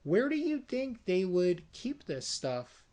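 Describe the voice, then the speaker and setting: A performer voicing a clueless young man who speaks low and flatly puzzled. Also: takes it slowly.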